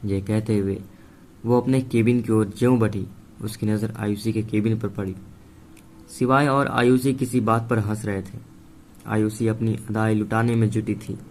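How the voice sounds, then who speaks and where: A man narrating a Hindi suspense romance story in an even, dramatic storytelling manner. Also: lowish voice, a little hiss or hum. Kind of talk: scripted narration.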